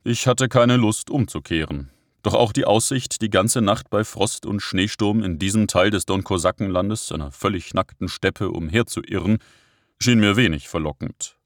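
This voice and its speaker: A man narrating an audiobook in a steady, measured reading. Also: fairly low pitch, dry recording, studio quality.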